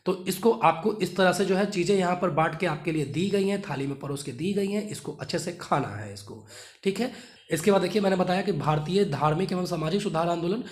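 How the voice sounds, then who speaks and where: A man's voice: sits high, brisk, reverberant. A man teaching exam students which chapters to study, repeating points and checking in with short tag questions. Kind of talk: study guidance lesson.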